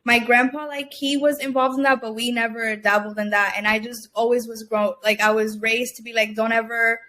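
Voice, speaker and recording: Young woman from Cuba, interview guest, a little high-pitched, chatty with lots of fillers and restarts. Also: little pitch movement, a little fast, sharp tone, slight background noise. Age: young adult. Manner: chatty, many fillers and restarts, laughs often. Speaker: guest entrepreneur. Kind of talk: casual interview chat.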